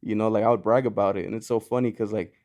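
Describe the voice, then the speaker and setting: Rapid-fire and fairly even in intonation, his voice is on the low side with a darkish tone. He was born in Mexico, runs a clothing brand he founded, and as a podcast guest he talks loosely, filling in with "you know" and "like" and frequently starting over.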